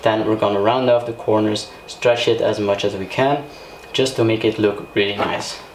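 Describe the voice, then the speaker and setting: A man's voice: lowish voice, steady tone, moderate pace. A man hosting a DIY video, casually explaining things step by step in a conversational way. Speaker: host of a DIY car series. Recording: roomy echo, clear background noise.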